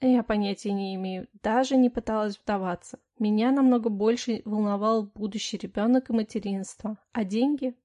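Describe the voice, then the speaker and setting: A woman's voice: medium pitch, moderate pace, hardly any pauses, dark tone. A young woman reading a first-person audiobook story in an ironic, chatty manner. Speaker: audiobook narrator.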